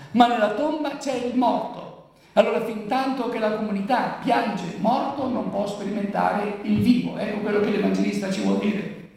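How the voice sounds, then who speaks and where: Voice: mid-range voice, gravelly, darkish tone. A preacher giving a Bible commentary talk who poses rhetorical questions and then answers them. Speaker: preacher explaining the Gospel. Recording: very echoey room, voice from far off.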